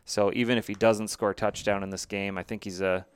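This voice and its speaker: A man's voice: fairly low pitch, flat delivery, fairly quick, smooth, no room sound. A man co-hosting a casual fantasy football chat, thinking aloud with fillers and restarts. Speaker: podcast co-host.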